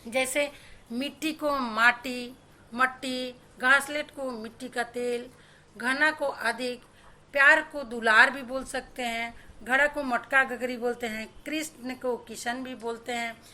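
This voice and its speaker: A woman's voice: a little high, steady tone, takes it slowly, pushed and bright. A woman teacher explaining a school lesson step by step, now and then mixing English words into her talk.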